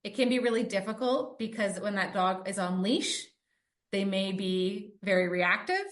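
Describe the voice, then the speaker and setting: A woman's voice: medium pitch, moderate pace. A woman hosting a podcast and working as a dog trainer. She talks conversationally and runs through her points with frequent "um" and "like" fillers. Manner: lists points with many "um" and "like" fillers.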